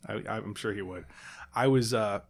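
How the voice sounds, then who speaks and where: A man's voice: fairly low pitch, normal speed, gravelly, breathy edge. A man co-hosting a podcast, explaining at length with fillers and restarts and playful asides. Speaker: podcast co-host. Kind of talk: casual chat.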